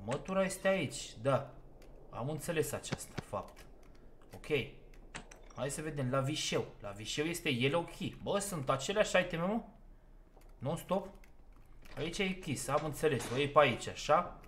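A man's voice: fairly high pitch, expressive, pauses often, fairly bright tone, slight background noise. A man giving let's play commentary on a horror game, talking himself through each step and getting easily exasperated. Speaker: gaming YouTuber.

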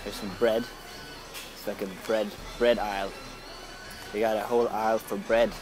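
An excitable young man from Estonia rambles to his handheld camera while shopping in a big grocery store. His talk comes in loose, chatty bursts, with music running behind it and store noise around him. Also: lowish voice, moderate pace, low-quality recording. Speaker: vlogger. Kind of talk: casual vlog narration. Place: large indoor grocery store.

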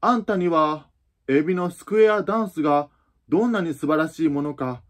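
A man voicing a sorrowful, weepy old male Mock Turtle in a storybook reading, speaking low and heavy. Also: a little fast, natural voice. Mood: mournful.

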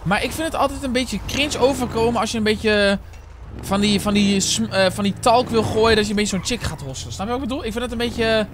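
Young man, Netherlands Dutch accent, high voice, slangy chatter, game car noise behind. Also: a little fast. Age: 20s. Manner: chatty, slangy, swears often, talks to viewers. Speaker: streamer. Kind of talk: casual game roleplay commentary.

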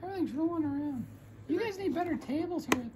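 A woman's voice: sits high, lively intonation, quick pace. A woman playing along informally in casual, improvised pretend play with toys. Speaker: play partner voicing a toy pet. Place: indoors at home. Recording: noisy handheld home recording.

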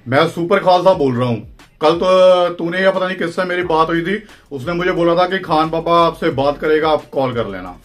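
A man's voice: fairly high pitch, moderate pace. A young Indian man hosting a phone-call vlog, brash, taunting and impatient, with an Indian accent. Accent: Indian Hindi. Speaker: wrestling channel host.

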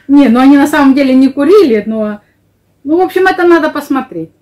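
A woman's voice: high-pitched, quick pace, darkish tone. A middle-aged woman hosting a vlog, chatting casually with a friend in a jokey, colloquial way. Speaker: vlog host. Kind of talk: casual chat with a close friend. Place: small wood-panelled living room, indoors. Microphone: camera across the table.

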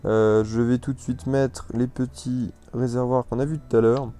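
Rambling French gamer with a mellow voice. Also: male voice, medium pitch, little pitch movement, moderate pace. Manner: rambling and hesitant, many fillers and restarts. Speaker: gameplay commentator. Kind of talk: casual let's-play commentary. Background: soft background music.

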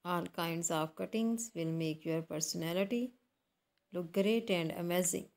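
Female YouTube narrator, lowish pitch, very unhurried, phrase-by-phrase scripted read. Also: creaky, a little mellow. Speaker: YouTube channel host. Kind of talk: scripted voice-over narration for a slideshow.

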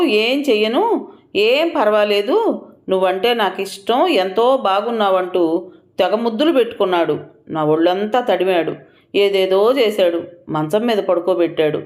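A woman's voice: mid-range voice, animated, moderate pace, voice pushed up, natural voice. A woman voicing a frightened, timid young village girl who speaks hesitantly. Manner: hesitant, pleading.

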